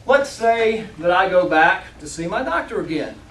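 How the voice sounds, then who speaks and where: A man with a fairly high voice delivers a prepared motivational speech. He phrases things deliberately and emphatically, pausing for effect. The sound is echoey and picked up from some distance, with faint noise behind it. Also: animated, a bit bright. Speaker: competition public speaker. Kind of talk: rehearsed motivational speech to an audience. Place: indoor room, speaking to a live audience. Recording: roomy, distant mic, faint background noise.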